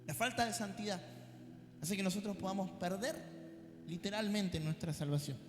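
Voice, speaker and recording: A male pastor with a Rioplatense accent preaching a sermon, animated and dropping joking asides to the congregation. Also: high-pitched, normal speed. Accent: Rioplatense Spanish. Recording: echoey church hall with faint music.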